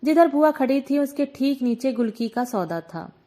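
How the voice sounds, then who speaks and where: A woman's voice: high voice, animated, moderate pace, mellow. Woman reading a short story aloud. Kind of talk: scripted narration of a short story.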